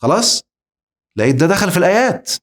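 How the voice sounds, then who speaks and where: Egyptian guy giving a talk, kinda high voice, keeps asking the listener questions. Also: very animated, fast talker. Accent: Egyptian Arabic. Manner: emphatic, rhetorical, addresses the listener directly. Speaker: lecturer. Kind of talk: religious lecture.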